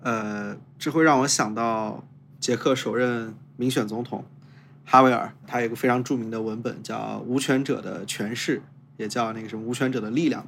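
A man's voice: mid-range voice, fairly even intonation, moderate pace, a bit bright, slight background noise. Musing man on a podcast. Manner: thoughtful, musing. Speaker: podcast co-host. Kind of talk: casual chat.

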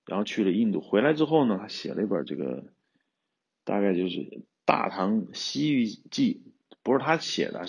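A man's voice: lowish voice, vocal fry, breathy edge, dull audio. A man hosting a podcast, retelling an old tale in a loose, casual way with frequent restarts. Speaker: podcast host, screenwriter-director. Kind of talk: casual storytelling commentary.

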